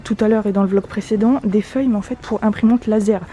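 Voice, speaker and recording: A woman's voice: medium pitch, fairly even intonation, fast talker, dark tone. A woman with a French accent chatting casually to her vlog inside a shop, her voice muffled by the face mask she is talking through. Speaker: vlogger. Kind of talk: casual vlog chat while shopping. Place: inside an office supply shop.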